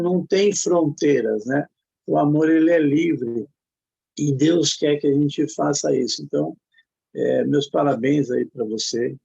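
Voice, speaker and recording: Gravelly Brazilian host, lo-fi sound. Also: male voice, fairly high pitch, mellow. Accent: Brazilian Portuguese. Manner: hesitant, repeats fillers, encouraging. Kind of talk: casual online chat. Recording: muffled lo-fi audio.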